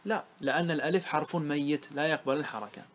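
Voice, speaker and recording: A man's voice: a little high, fairly even intonation. A man teaching a grammar lesson to a class, explaining the rules and checking often whether his students follow. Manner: asks students quick check questions; chants verses slowly. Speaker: sheikh teaching Arabic grammar. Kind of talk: classroom lecture explaining verse.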